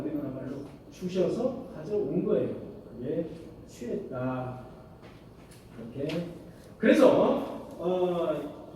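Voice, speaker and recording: A man's voice: high voice, mellow, slight background noise. A man preaching a sermon as pastor, often asking the congregation questions and answering them himself. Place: church sanctuary. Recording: echoey church hall from far off.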